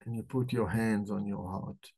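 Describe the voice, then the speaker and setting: Gravelly low-voiced man guiding meditation. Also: steady tone. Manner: slow, soft-spoken guiding voice. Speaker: doctor hosting a book club. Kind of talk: guided meditation; live talk.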